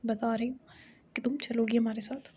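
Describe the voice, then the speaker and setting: A woman's voice: a little high, level tone, moderate pace, dark tone, a little hiss or hum, close to an everyday voice. A woman voicing an insistent, hot-tempered young woman who pleads with and pressures her partner.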